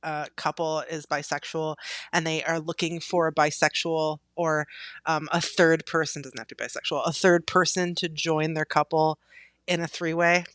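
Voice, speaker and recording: Bright, candid woman podcast host. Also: low-pitched, moderate pace, no room sound, studio quality. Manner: candid, laughs easily, animated. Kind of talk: casual podcast chat.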